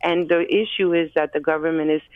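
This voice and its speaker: This low-pitched woman talks fast with little pitch movement, and there's no echo on the tinny phone line. An activist guest from the United States, she lays out her points in groups, explaining earnestly and methodically during a phone interview.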